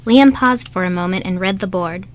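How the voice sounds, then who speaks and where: This woman has a mid-range voice and a moderate pace. She reads scripted story narration as the narrator of a radio play.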